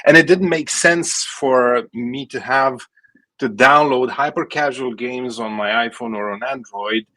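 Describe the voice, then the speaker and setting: In an unhurried, medium-pitched voice with a sharp tone, a Romanian man in his late thirties answers an interviewer's questions. As a guest and gaming startup founder, he speaks fluent non-native English with a Romanian accent, restarting often and using many fillers.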